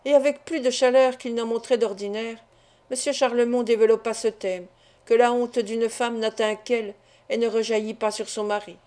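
Mellow-voiced woman reading a novel. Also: a little high, steady tone, normal speed. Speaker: audiobook reader. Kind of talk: literary audiobook narration.

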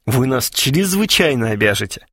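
A man's voice: mid-range voice, big pitch swings, moderate pace, pushed and bright, breathy edge, dry recording, studio quality, heavily acted. A man doing an exasperated, reproachful young man. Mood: indignant. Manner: indignant, pleading. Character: exasperated young man, fussing over a cookbook.

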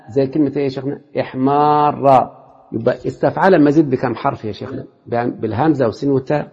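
A man's voice: medium pitch, creaky, warm tone, breathy edge. A man teaching a classroom lesson in an Egyptian Arabic accent, constantly quizzing his students with short questions. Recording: lo-fi hall recording with long reverb.

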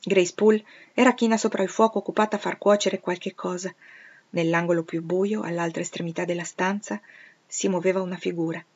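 A woman reading a novel aloud in a steady, expressive narrating voice. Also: fairly low pitch, a little fast, husky. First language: Italian. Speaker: audiobook reader. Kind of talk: literary reading. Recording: dull lo-fi recording.

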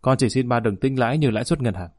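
A sulky grown son talks back quickly and defiantly, as a male audiobook narrator reads him. His voice sits at a middle pitch. The recording is close and dry. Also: a little mellow, no room sound, lightly acted. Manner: defiant, rapid, whining.

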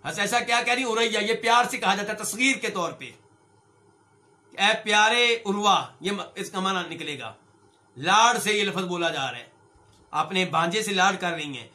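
A middle-aged man teaching a religious lesson, his voice pitched unusually high for a man and very bright and sharp. He reads each Arabic phrase slowly and then unpacks its meaning. He keeps posing questions to his listeners, whom he calls brothers, and answers them himself. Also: animated. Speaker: Islamic scholar and hadith teacher.

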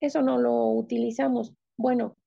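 A woman with a Mexican accent, a neurolinguist explaining as a radio guest in a slow, measured way, with frequent fillers. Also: on the high side, flat delivery, gravelly, dark tone, dry recording. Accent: Mexican Spanish. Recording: dull, lo-fi radio audio.

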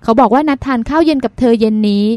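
A woman's voice: high-pitched, racing, darkish tone, no echo, lightly acted. A woman doing a wry older sister. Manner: dry, probing, lecturing.

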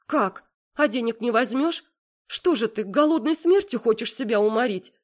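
A distraught mother near tears, her voice pitched high and pleading, as a woman reading a story puts her on. She begs and frets, rising sharply as she speaks, in a storybook reading. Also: animated, normal speed. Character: tearful pleading middle-aged mother.

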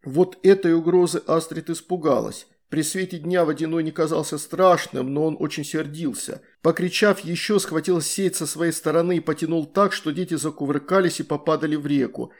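A man reading a story aloud, narrating in a lively way between voiced figures. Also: on the high side, moderate pace, hardly any pauses. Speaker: reader.

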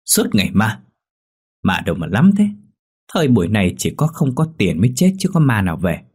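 A man voicing a quick-tempered older village man who scolds and shouts. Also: low voice, husky. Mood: angry scolding.

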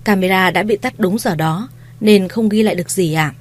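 A woman's voice: medium pitch, brisk, natural voice. A woman reading a story, voicing a young man who reports bad news helplessly. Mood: resigned. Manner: resigned, flat.

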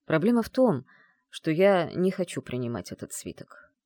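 Weary, polite young lord, read by a woman in an audiobook: calm, patient, lively pitch, dry close sound. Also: normal speed, no echo. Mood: patient, rueful. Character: weary, courteous young male aristocrat lord. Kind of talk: audiobook reading.

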